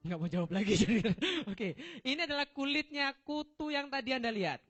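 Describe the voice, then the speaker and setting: A man's voice: very high voice, expressive, normal speed, bright, forceful tone. A man giving a humorous religious lecture to an audience, joking and quizzing them with rhetorical questions as he walks through slides. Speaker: preacher. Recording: dull lo-fi recording with faint music.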